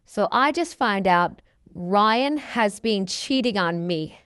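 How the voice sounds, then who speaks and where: In a casual vlog, a young adult woman tells a personal story slowly and expressively, using simple, repetitive phrasing that often opens with "so." Her medium-pitched voice is smooth and fairly bright. The recording is clean studio sound with no room echo.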